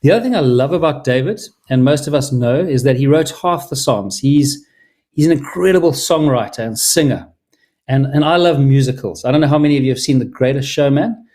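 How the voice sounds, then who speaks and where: A man's voice: medium pitch, expressive, brisk, a little mellow. Earnest man talking film. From Zimbabwe. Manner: enthusiastic, heartfelt, with many restarts. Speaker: filmmaker presenting his film. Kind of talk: earnest personal talk to an audience.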